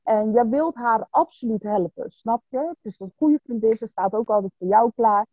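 Woman coach, slightly high voice, dry tinny phone-like sound, patient explainer for a podcast chat. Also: moderate pace, no room sound. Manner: explains patiently with frequent "snap je?" and "weet je". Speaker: coach and workshop teacher. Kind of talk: casual podcast conversation.

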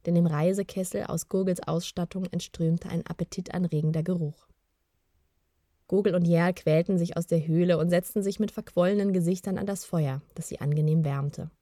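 Woman narrator, lowish voice, calm even storybook read, dry booth sound. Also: normal speed, no echo. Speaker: audiobook narrator.

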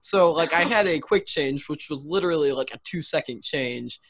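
A man's voice: a little high, animated, moderate pace, a bit bright, no room sound. A man hosting a podcast, chatting casually in a rambling, hesitant way full of ums and restarts. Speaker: podcast host. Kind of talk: casual chat.

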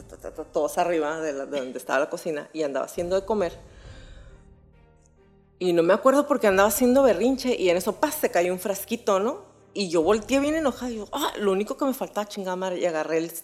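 Young mexican woman telling a story on a podcast, kinda low voice, slangy and animated, faint music behind. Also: brisk. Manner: slangy, animated, swears freely. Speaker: podcast host. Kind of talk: casual storytelling.

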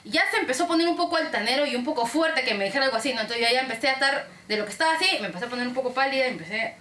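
A Peruvian woman with a higher, bright, sharp-edged voice tells a story in casual podcast chat. Her delivery is animated, and she acts out the people in it. The room around her sounds echoey. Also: rapid-fire. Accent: Peruvian Spanish. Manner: animated storytelling, acting out callers. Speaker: podcast co-host.

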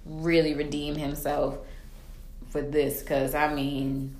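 A woman with a low voice hosts a casual chat. She rambles colloquially and drops quips, and her voice rings with noticeable room echo. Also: level tone, slow, a crowd in the background. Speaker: podcast host. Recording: roomy echo.

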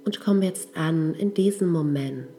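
A woman leading a guided meditation, giving soft, calm instructions. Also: low voice, a little slow, soft background music.

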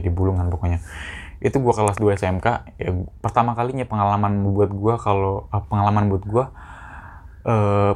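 A man's voice: lowish voice, a little mellow. A young man hosting a casual solo podcast, rambling with lots of restarts and slang. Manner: rambling, many restarts, slangy Jakarta-style informal talk. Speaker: podcast host.

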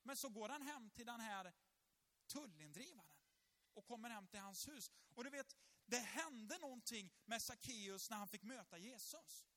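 A male pastor preaching, retelling a story vividly and checking that the congregation is following. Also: very high voice. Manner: lively storytelling, asks the congregation along. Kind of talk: sermon.

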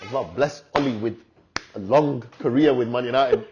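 A man's voice: medium pitch, dull audio, background noise. A man, co-hosting a casual football podcast with teasing, slangy banter.

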